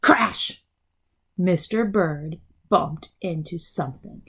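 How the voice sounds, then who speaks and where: A woman teacher with a lowish, husky voice reads a children's storybook aloud slowly. She is expressive and explains things for young listeners.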